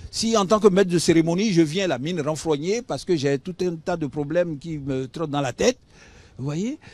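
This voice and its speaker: Fairly high-pitched and a little mellow, his voice comes at normal speed with no echo on the studio mic. He's a Beninese public speaking expert on a talk show, teaching patiently, spelling words, and punctuating with "hein?"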